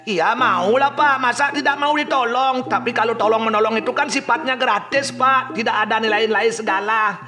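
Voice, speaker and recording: Puppet-show role: shrill-voiced stubborn grandfather, old and argumentative, a man putting it on, gamelan behind. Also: moderate pace, few pauses, over music. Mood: defiant. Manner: pleading then defiant, lecturing. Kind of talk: shadow puppet theater.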